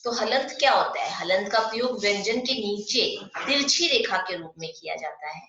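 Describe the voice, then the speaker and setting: A woman teaching an online Hindi class to young pupils. She explains step by step, asks questions and answers them herself, and slows down to stress the sounds of example words. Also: medium pitch, expressive, noisy background. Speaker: primary school Hindi teacher. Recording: echoey, dull lo-fi room sound.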